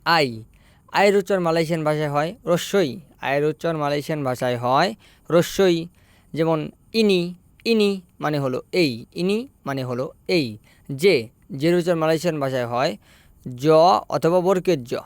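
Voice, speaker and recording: Male tutor, somewhat high, smooth voice, patient drilling delivery, dry close mic. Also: no room sound. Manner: says each letter and word twice, measured. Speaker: language teacher. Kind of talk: slow repetitive language lesson.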